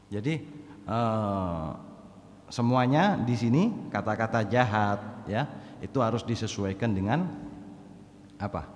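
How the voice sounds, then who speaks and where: Animated male preacher in an echoey hall. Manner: animated, swings from loud emphatic calls to low murmurs. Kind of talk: sermon. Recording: echoey hall with long reverb.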